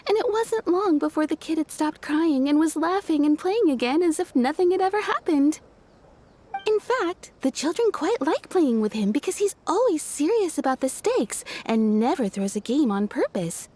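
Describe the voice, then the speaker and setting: A woman's voice: high-pitched, darkish tone. A woman voicing a wry, level-headed townswoman in a video game, telling a story with dry amusement.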